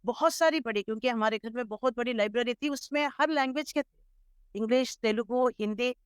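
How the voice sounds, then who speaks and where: A middle-aged woman from Hyderabad, India, telling her life story as an interview guest in a measured, earnest way. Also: on the high side, clear, resonant tone, no room sound, studio quality. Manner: measured, earnest storytelling with English words mixed in. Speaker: interview guest, Islamic scholar.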